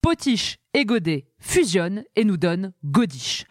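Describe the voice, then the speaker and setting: Chatty woman joking about where insults come from, playful and loud, dry sound. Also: medium pitch, unhurried, no echo. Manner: lively, playful, self-mocking. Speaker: host. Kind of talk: comic word-origin monologue.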